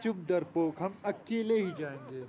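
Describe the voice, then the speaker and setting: A man voicing a tough young gangster who gives gruff, slangy orders in an amateur game dub. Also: sits high, lively intonation, measured pace, mellow. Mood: bossy.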